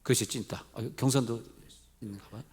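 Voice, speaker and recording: In a mid-range, steady voice that's a little mellow with a breathy edge, a middle-aged pastor from Seoul talks fast during a midweek sermon in the sanctuary. He keeps things conversational, asking his listeners questions, shifting between polite and plain speech, and joking lightly.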